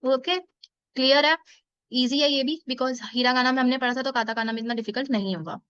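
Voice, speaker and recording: Woman teacher, high voice, patient explanations, slow drawn-out repetition, dry muffled lo-fi recording. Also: fairly even intonation, fairly bright tone, clear, resonant tone, no echo. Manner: explains patiently, repeats words slowly and drawn out. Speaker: Japanese language teacher. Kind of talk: explaining a beginner lesson in Hindi-English mix.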